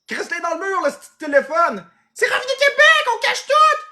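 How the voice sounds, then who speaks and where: A man playing a bickering spouse, shrill, high, shouting, crude, Québécois accent. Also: very animated, brisk, full character voice. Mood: quarrelling. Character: shrill bickering couple at home.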